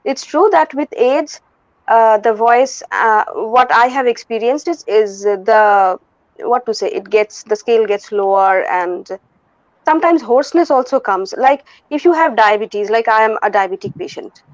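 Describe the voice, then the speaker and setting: In a candid interview, a soft-spoken guest vocalist and music teacher in her forties talks thoughtfully with an Indian English accent, full of pauses and restarts. Her pitch is a little high. The audio is dull, lo-fi, and dry, with no room sound.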